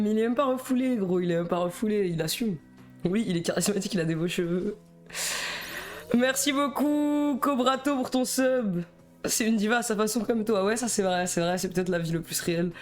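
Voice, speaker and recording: A man's voice: high voice, darkish tone. Young man, Belgian French accent, live-stream chat, nervous, rambling, stammering, laughing, faint background music. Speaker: livestreamer.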